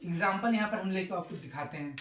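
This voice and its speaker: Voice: mid-range voice, fast talker, fairly bright tone, echoey room, a little hiss or hum. A teacher giving a step-by-step phonics lesson, repeating each sound and answering their own questions.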